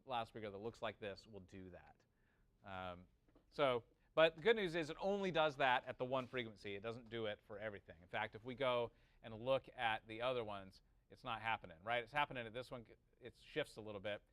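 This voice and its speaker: An audio engineering teacher works through a calculation aloud in an informal lesson, thinking as he goes and checking in with short questions. His mid-range voice is a bit bright, with no room sound.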